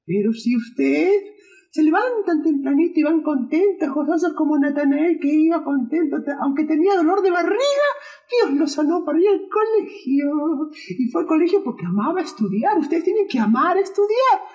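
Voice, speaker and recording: A woman's voice: sits high, animated, moderate pace, a little mellow. A woman voicing a cheerful boy puppet who teaches children at church, playful and leading call-and-response. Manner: playful, laughs at own jokes, call-and-response. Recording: dull lo-fi recording.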